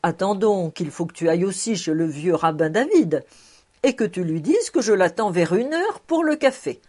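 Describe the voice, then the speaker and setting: A woman's voice: fairly low pitch, animated, normal speed, mellow, husky. A woman doing a hearty, jovial bachelor. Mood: bossy, cheerful. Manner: hearty, expansive, commanding. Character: jovial, generous middle-aged bachelor man.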